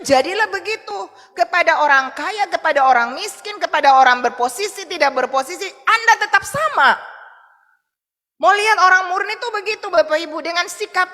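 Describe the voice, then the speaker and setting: A woman pastor preaching a sermon in an animated way, acting out the voices she quotes. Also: very high voice, fairly quick, big-room sound. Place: church hall.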